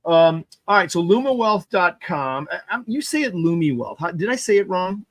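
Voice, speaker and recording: An enthusiastic man hosts with a somewhat high voice, recorded close and dry with no room sound. He keeps affirming his guest and repeats his praise. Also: expressive, moderate pace, fairly bright tone, dry recording. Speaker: host. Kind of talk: casual interview chat.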